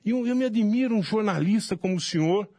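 A man's voice: sits high, animated, quick pace, warm tone, no echo, clean studio sound. A man with a Brazilian Portuguese accent, a political commentator arguing indignantly in a heated on-air debate and repeating his point. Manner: indignant, insistent, repeats himself.

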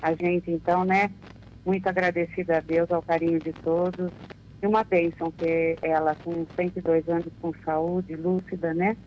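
A woman's voice: lowish voice, little pitch movement, normal speed, dull audio, slight background noise. An older Brazilian woman calling a radio show, grateful and laughing often as she talks. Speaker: caller. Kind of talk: phone chat on radio.

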